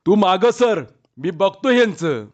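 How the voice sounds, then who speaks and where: Man doing a young village man, hoarse, pleading, raised voice, muffled lo-fi storybook recording. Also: high-pitched, big pitch swings, normal speed, a bit bright, voice pushed up. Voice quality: hoarse, choked with feeling. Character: young village man Tatya, frantic and tender.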